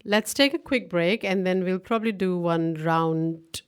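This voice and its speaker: A woman's voice: on the low side, a little slow, clear, resonant tone. A woman hosting a radio interview, chatty and laughing often, with hesitant fillers. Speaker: radio show host.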